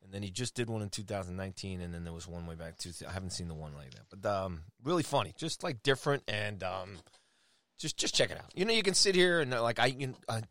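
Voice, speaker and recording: Low-voiced easygoing middle-aged man. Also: lively intonation, quick pace, fairly bright tone, no room sound, clean studio sound. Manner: easygoing, rambling, teasing. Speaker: podcast co-host. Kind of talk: casual chat.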